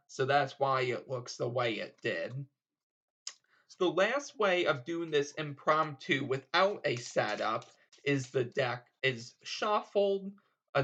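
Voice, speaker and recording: Male tutorial presenter, mid-pitched, slow-paced and informal, explaining step by step. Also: fairly bright tone, lo-fi sound. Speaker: card trick tutorial presenter. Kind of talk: casual instructional tutorial.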